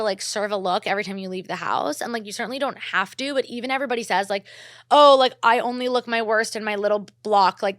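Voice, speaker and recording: A woman's voice: mid-range voice, a bit bright, no room sound. Gushing young woman podcast host, dry close mic. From New Jersey, USA. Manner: gushing, filler-heavy, swears freely. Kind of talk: casual solo podcast chat.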